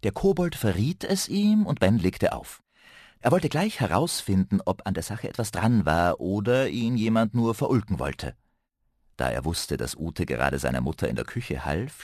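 Deep husky male storyteller. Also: no echo, clean studio sound. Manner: lively, expressive reading. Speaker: narrator. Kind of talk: storybook reading.

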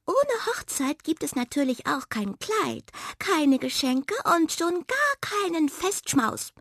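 A woman voicing a bossy, practical female wood mouse who speaks in a brisk, high voice. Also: big pitch swings, fairly bright tone, no echo, clean studio sound, heavily acted.

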